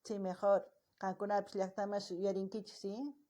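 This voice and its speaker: A woman hosting a music reaction video, talking slowly and tenderly and switching between Spanish and Quechua. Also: medium pitch, flat delivery.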